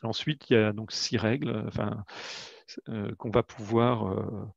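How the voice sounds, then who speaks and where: Hesitant man with a gravelly voice. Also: fairly low pitch, level tone, unhurried, no echo. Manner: hesitant, frequent "euh" fillers and restarts. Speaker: educational game creator presenting. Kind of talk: webinar product presentation. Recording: dull lo-fi webinar audio, dry.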